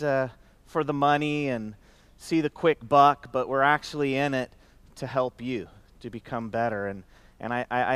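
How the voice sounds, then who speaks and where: A man speaking to a company gathering in a warm, rambling way, with many fillers and restarts. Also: medium pitch, smooth. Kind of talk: conference speech.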